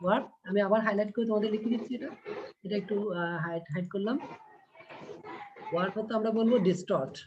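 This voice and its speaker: A man teaching an online class, explaining patiently and reading lines slowly. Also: sits high, background noise. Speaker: English teacher. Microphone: video call. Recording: dull lo-fi video call audio.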